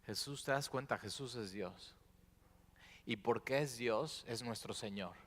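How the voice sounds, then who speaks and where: A male pastor preaching a sermon, swinging from hushed prayerful lines to loud exclamations. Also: medium pitch, a little slow. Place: church sanctuary. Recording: church hall with long reverb.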